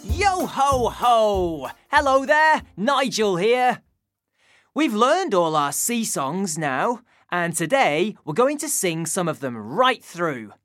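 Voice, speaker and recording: A woman's voice: medium pitch, sing-song, takes it slowly, a bit bright, dry recording. A woman presenting a school radio singing lesson, giving sing-song instructions to children. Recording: dry studio sound.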